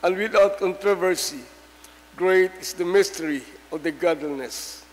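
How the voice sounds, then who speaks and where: A man's voice: high voice, moderate pace. A man reading scripture and a responsorial psalm as lector in a church. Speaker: lector at Mass. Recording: long church reverb.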